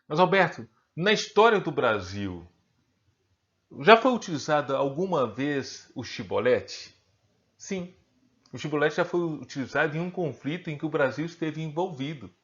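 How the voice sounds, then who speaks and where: A man's voice: a little high, expressive, normal speed, muffled recording. A man with a Brazilian accent teaching a recorded online lesson. He poses questions to himself, answers them, and keeps checking in with the viewer. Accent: Brazilian Portuguese.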